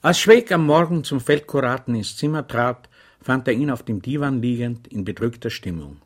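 Male audiobook narrator, even, measured storytelling. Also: medium pitch. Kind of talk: scripted narration.

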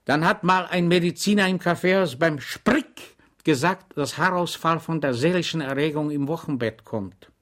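A man's voice: on the high side, moderate pace, close to an everyday voice. A man doing a rambling, amiable soldier. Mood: chatty. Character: chatty good-natured male soldier orderly, endlessly rambling.

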